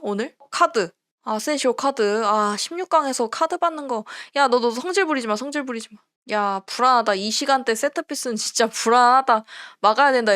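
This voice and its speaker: A woman streaming a live football match reaction, talking emotionally, swearing often and yelling at the players. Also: sits high, no room sound, clean studio sound.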